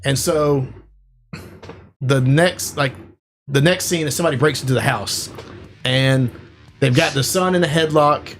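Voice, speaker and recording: A man's voice: mid-range voice, measured pace, long pauses, fairly bright tone, soft background music. A man hosting a casual podcast chat, retelling a film plot in a rambling way, full of fillers, acting out quotes. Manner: rambling, filler-heavy storytelling, acts out quotes. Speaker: podcast host.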